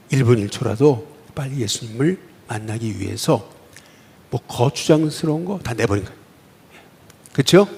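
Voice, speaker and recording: Male pastor, gravelly and husky, swinging pitch, preaching with long church-hall reverb. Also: darkish tone. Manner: asks the congregation questions and acts out quoted voices. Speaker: senior pastor. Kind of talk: sermon. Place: church sanctuary.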